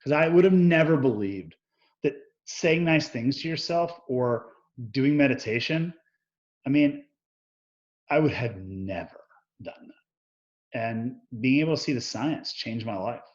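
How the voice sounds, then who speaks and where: A man tells his own story as an interview guest, candid and unfiltered, with frequent swearing. He slips into lively re-enactments of what people said to him. The audio sounds slightly dull and lo-fi. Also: medium pitch, unhurried. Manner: profane, animated, acts out quoted dialogue.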